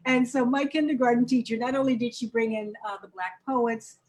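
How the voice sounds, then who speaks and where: An older woman from Harlem, a children's book author and interview guest, telling her life story in a vivid, animated way. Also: a little high, fairly quick, rough recording. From New York, Harlem.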